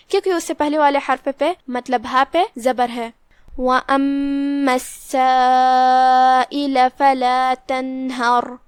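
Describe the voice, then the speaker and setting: A woman teaching Quran recitation rules, explaining each letter slowly and methodically. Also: high-pitched, no echo, clean studio sound. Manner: slow, methodical, careful articulation. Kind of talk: tajweed lesson, explaining then reciting.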